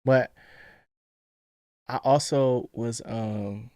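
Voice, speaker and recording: A man's voice: medium pitch, steady tone, drawn-out words, a little mellow, no echo, muffled recording. A man co-hosting a podcast, chatting about a movie in a laid-back, slangy way. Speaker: podcast co-host. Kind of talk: casual movie review chat.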